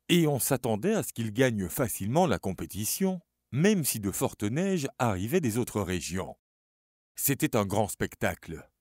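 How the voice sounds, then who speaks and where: Expressive male story narrator. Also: fairly low pitch, no echo, studio quality. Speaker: audiobook narrator.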